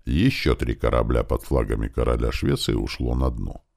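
A man narrating an audiobook in a lively way, raising his voice for the characters' battle commands. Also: extremely low pitch, moderate pace, creaky.

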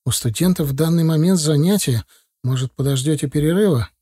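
A man's voice: a little high, fairly quick, mellow, breathy edge, no room sound, clean studio sound, pitched above the performer's own voice. A man voicing a strict but polite middle-aged female office clerk in an audiobook, formal in manner.

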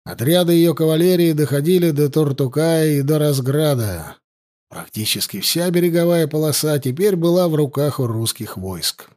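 A man narrates an audiobook in a dramatic, scripted read. His voice sits fairly high for a man, and he slows down to lean on the key moments. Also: animated, a little mellow.

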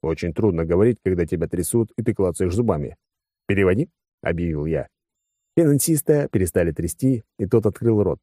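A man narrating an audiobook in a lively, ironic manner. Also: deep voice, brisk, no echo, clean studio sound.

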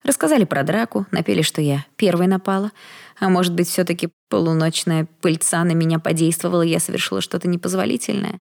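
A woman reading a first-person fantasy novel aloud in a steady, measured way. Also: lowish voice, vocal fry. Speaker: audiobook narrator.

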